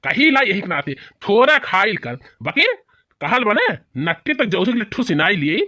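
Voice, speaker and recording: A man's voice: high-pitched, very animated, moderate pace, pushed and bright, no room sound, full character voice. A man doing a whiny old village husband, Banwari. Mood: grumbling. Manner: whiny and grumbling, with rustic dialect. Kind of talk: cartoon voice acting.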